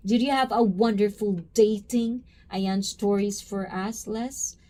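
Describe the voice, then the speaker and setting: A woman's voice: medium pitch, steady tone, takes it slowly, a little mellow. A woman hosting a casual live stream, chatty and full of "you know" and "like", greeting viewers by name. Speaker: livestream host. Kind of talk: casual live-stream chat reading comments.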